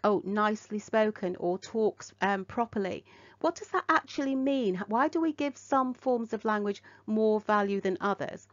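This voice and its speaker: A woman's voice: fairly high pitch, dry recording. A woman with an English accent, teaching sixth-form English in a recorded induction lecture, asking lots of questions. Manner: poses many rhetorical questions. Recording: dull, dry lo-fi audio.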